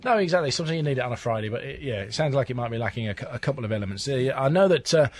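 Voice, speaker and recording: A man hosting a radio show, teasing his guest in a brisk, casual chat at a studio microphone. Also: medium pitch, expressive. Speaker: radio presenter.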